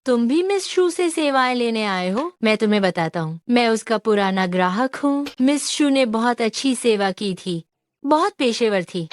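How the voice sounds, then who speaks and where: A woman's voice: a little high, expressive, normal speed, no room sound, close to an everyday voice. A woman voicing a tipsy, pushy male client who keeps urging others to drink, in a Hindi dub. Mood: boastful.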